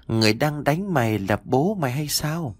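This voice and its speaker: A man voicing an eerie ghost child in a told horror story, hushed and taunting. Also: mid-range voice, expressive, normal speed, breathy edge, no room sound, voice pushed up.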